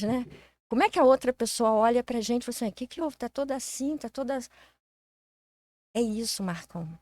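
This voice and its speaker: Soft-spoken woman guest. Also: mid-range voice, no room sound. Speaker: podcast guest, engineer. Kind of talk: casual storytelling chat.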